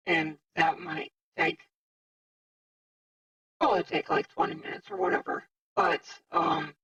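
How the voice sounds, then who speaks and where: A man streaming through a robotic, pitched-up voice changer, rambling casually with fillers. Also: vocal fry, pushed and bright, dry recording. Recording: dry, distant, dull lo-fi mic.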